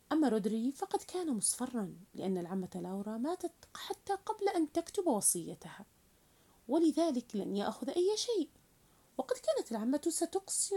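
Female storyteller, lively pitch, mellow tone, retelling a novel. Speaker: narrator.

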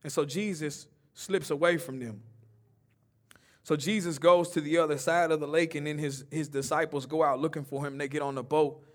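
A young man preaching from the pulpit in a high, bright-sitting voice. He builds to fervent, almost shouted peaks, then falls back to a low, conversational retelling of scripture. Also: steady tone, moderate pace. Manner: impassioned preaching, rising to near-shouts then dropping low. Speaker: pastor. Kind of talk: sermon.

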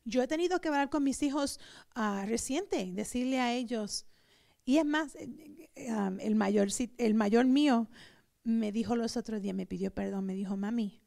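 A woman pastor preaching a sermon, asking the congregation rhetorical questions and swinging between loud emphasis and soft asides. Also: on the high side, moderate pace, creaky. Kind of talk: Pentecostal sermon.

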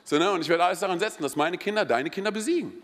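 Lively joking male preacher in a reverberant hall. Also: high-pitched, rapid-fire. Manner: energetic, joking, storytelling with many interjections. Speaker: pastor. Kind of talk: sermon. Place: church hall.

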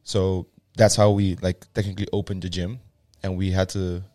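A man's voice: low-pitched, little pitch movement, moderate pace, warm tone, no echo, clean studio sound. A young man, a gym co-founder, telling a loose, swearing story in a casual podcast chat.

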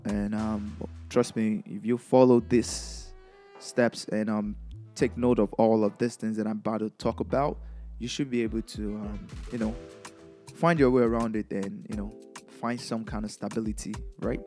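A man's voice: fairly low pitch, fairly even intonation, moderate pace, warm tone, soft background music. A man from Nigeria with a Nigerian accent, a DJ giving casual, chatty advice in a vlog and laughing often.

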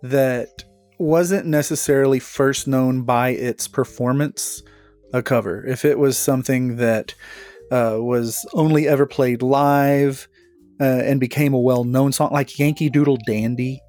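A man's voice: mid-range voice, fairly even intonation, unhurried, darkish tone, soft background music. Playfully argumentative podcast host, man. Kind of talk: casual chat.

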